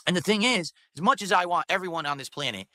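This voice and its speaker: A man's voice: sits high, animated, quick pace, sharp tone, no echo, clean studio sound. A man in his forties talking on his stream in a rambling way, often checking in with "right?". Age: 40s. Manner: rambling, keeps asking "right?".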